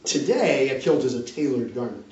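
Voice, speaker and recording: Male rector, mellow voice, talks things through patiently, recorded from a distance with a dull sound. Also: medium pitch, animated, moderate pace. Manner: explains patiently, often checks with "right?". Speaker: rector leading a parish Q&A. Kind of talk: casual group discussion. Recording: roomy, distant, dull audio.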